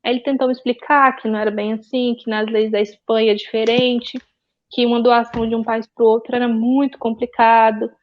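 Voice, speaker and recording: A woman's voice: a little high, little pitch movement, brisk, slight background noise. A woman, a guest giving earnest, pained personal testimony with a lot of repetition. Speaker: interview guest. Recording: dull lo-fi audio.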